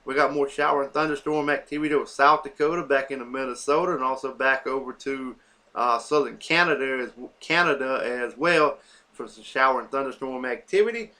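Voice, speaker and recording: A man's voice: medium pitch, bright, forceful tone. Man walking through weather maps. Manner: halting, many fillers and self-corrections, lists places in a run. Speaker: weather forecaster. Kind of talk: unscripted weather map walkthrough.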